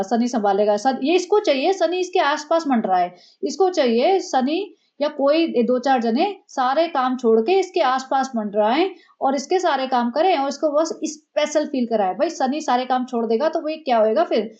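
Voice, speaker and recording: A woman's voice: sits high, mellow, dull audio. A woman giving sarcastic, mocking commentary as a vlogger.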